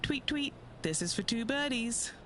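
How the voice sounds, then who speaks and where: A man's voice: very high-pitched, expressive, measured pace. A man giving informal golf commentary as an on-course reporter. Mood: casual. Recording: noisy outdoor ambience behind.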